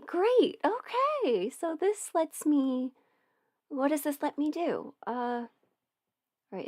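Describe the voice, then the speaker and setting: Her pitch fairly high, an audio performer chats casually on a livestream while alone in her house, rambling and muttering to herself as she tinkers with settings. The studio mic through an audio interface gives a clean studio sound without room sound.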